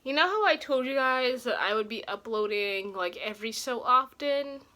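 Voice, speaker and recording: A young woman with a very bright, forward voice chats informally to her viewers. Her speech is slightly awkward from a swollen, sore cheek, as if she just had dental work. She rambles along in a casual beauty-vlog style. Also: on the high side, expressive, moderate pace. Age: young adult. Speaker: beauty vlogger. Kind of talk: casual chat to camera.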